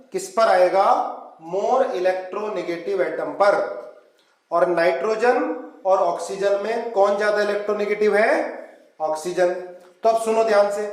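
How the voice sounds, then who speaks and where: A high-voiced man teaches a chemistry lesson in a strongly echoing room. He speaks Hindi mixed with English terms, calls his students "beta" and drags out key terms to stress them. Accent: Hindi-English mix. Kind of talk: online class lecture.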